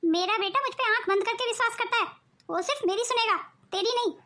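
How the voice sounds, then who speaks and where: A woman voicing a scheming, cruel older mother-in-law in an animated cartoon, with theatrical self-pity and gloating taunts. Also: very high voice, fast talker.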